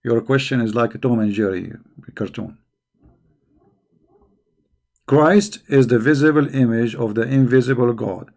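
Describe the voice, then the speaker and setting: On a religious debate stream, a male host fields viewers' questions with combative mockery. His mid-range, darkish voice moves a little slowly with frequent pauses, and he often repeats words while hunting for phrasing.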